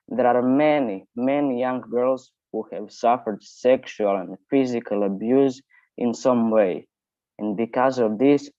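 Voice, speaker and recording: A man's voice: mid-range voice, dark tone, no echo. A young man from Croatia, a student speaker, hesitantly reading a prepared speech over a video call. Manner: hesitant, halting reading with fillers. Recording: dull lo-fi call audio.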